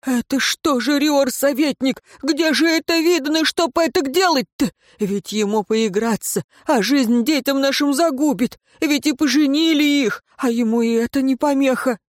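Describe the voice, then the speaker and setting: A frantic older peasant father, as a woman reader puts him on, crying out for help in a raised, strained voice that rides high with desperation. Dry, close storybook read. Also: normal speed, hardly any pauses, dry recording, close to an everyday voice. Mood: desperate. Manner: desperate, shouting, tearful pleading. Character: anxious peasant father, older man, loud and pleading.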